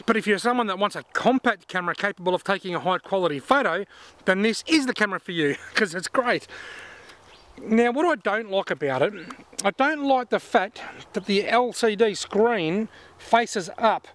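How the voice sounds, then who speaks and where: A man's voice: high voice, animated, moderate pace, a bit bright. A man, chatting outdoors in bushland as he reviews a camera, explaining step by step into a camera-mounted mic. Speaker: fishing vlogger reviewing a camera. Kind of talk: casual product review to camera. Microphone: camera-mounted shotgun mic.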